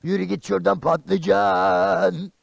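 A man voicing Karagöz, a blunt, quick-tempered common man in a traditional shadow puppet play, firing off rhyming comebacks. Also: lively intonation, no room sound, full character voice. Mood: mocking. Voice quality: gravelly and high. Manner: loud, rhyming comebacks, exclamations.

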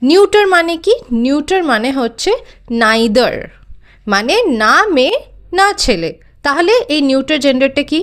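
A woman's voice: high-pitched, expressive, moderate pace. A woman teaching English grammar, asking and answering her own questions and spelling words out letter by letter. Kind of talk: explaining grammar with examples.

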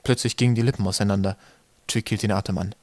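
A man's voice: lowish voice, fast talker, dry recording. Dry, close male audiobook narrator. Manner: calm, steady storytelling. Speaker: audiobook reader. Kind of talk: scripted narration.

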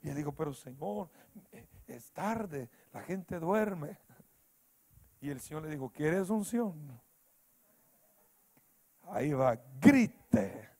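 A man preaching a sermon as pastor, telling a story and building to loud shouted climaxes. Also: a little high, lively intonation, slow pace, pauses often, slightly rough. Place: church.

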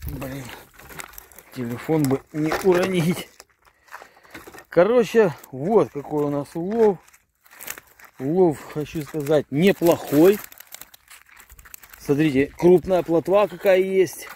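Out by a river, a middle-aged man vlogs his fishing trip on a phone held at arm's length, chatting casually, stumbling, and muttering to himself. His slightly high, mellow voice moves slowly with frequent pauses, and there's slight background noise.

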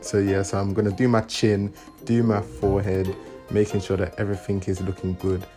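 A man's voice: deep voice, little pitch movement, fairly quick. A man doing a casual, playful, repetitive mock makeup tutorial over music. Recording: background music.

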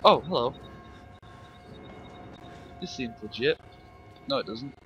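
A man's voice: mid-range voice, expressive, slow, highs cut off, a little hiss or hum. A young man giving jumpy, swearing let's play commentary on a horror game. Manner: jumpy, swearing, laughing, yelling when startled. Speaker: gameplay commentator.

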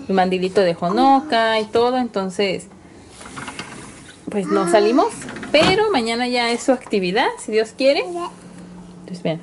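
A woman's voice: medium pitch, slight background noise. A young woman with a Mexican Spanish accent, chatting affectionately to her viewers in a casual home vlog, laughing often. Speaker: vlogger. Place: home indoors. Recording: music playing underneath.

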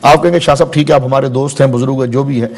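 A man in his forties, a religious scholar in a TV studio interview, explaining slowly with everyday examples and stories. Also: medium pitch, steady tone, gravelly, darkish tone. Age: 40s. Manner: measured, explains with examples and anecdotes. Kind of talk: studio interview, spiritual teaching.

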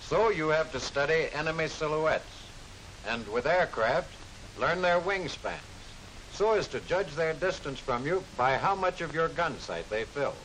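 A man with an American accent narrates in the scripted style of a mid-century military training film. His voice sits a little high, and his phrasing is formal, measured and instructive. The old film soundtrack adds a light hiss. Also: animated, a bit bright. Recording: hissy, noisy vintage film soundtrack.

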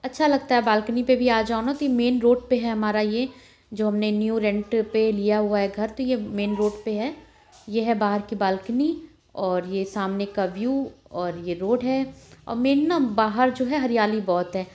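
A young woman with a slightly high voice talks in a relaxed, homely way. She walks through her small home, filming on a handheld phone. Her tone stays casual and conversational throughout. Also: measured pace. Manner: chatty, homely, walking while filming. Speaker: home vlogger. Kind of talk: casual house tour narration. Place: small rented flat, indoors and on balcony. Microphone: phone camera held while walking.

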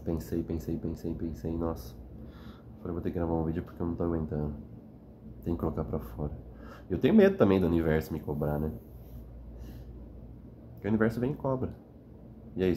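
Earnest, rambling man with a lowish voice. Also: dark tone, slight background noise. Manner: earnest, rambling, frequent "né?" tags. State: weary after crying. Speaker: vlogger. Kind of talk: emotional reflective monologue. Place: indoors, at night.

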